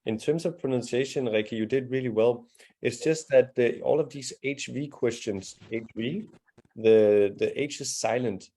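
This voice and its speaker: A man leads a live beginner language class, patient and encouraging as he walks the students through pronunciation. His voice is mellow and warm, sitting at an ordinary pitch. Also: moderate pace. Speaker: Danish teacher.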